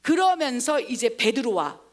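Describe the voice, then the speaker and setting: A woman missionary pastor preaching a sermon, retelling scripture in a dramatic, animated way. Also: a little high, measured pace. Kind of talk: Korean sermon with acted retelling.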